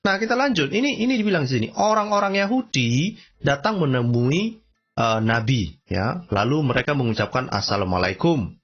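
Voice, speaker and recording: A man giving casual commentary and reading texts aloud, slangy and emphatic, often jumping high in pitch to stress a point. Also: big pitch swings, moderate pace, faint music behind. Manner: slangy, emphatic, repeats "coy", frequent sudden high-pitched exclamations. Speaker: religious commentator. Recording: dull lo-fi recording.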